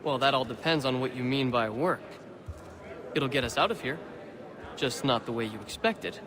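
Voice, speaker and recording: An actor playing a wry, self-assured convict forger, coaxing and slyly explaining. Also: male voice, mid-range voice, normal speed, a crowd in the background, lightly acted.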